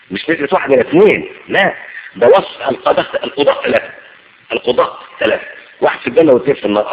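A man's voice: mid-range voice, vocal fry, slight background noise. A man with an Egyptian Arabic accent preaching a sermon, firing rhetorical questions and answering them himself. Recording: muffled lo-fi recording.

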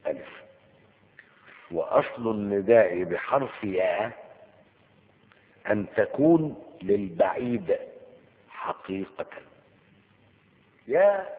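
Egyptian teacher asking and answering himself. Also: male voice, lowish voice, long reverb tail, phone-quality sound. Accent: Egyptian Arabic. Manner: asks the class questions and answers them himself. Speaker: Arabic grammar teacher. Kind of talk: colloquial lecture with Quranic quotes.

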